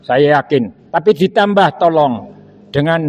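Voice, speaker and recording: An older man with a Javanese accent delivers a sermon. He speaks slowly and deliberately, and his voice sits fairly high for a man. He tells stories and breaks into Arabic recitation. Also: expressive. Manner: slow storytelling, mixing Javanese phrases and Arabic recitation. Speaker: preacher.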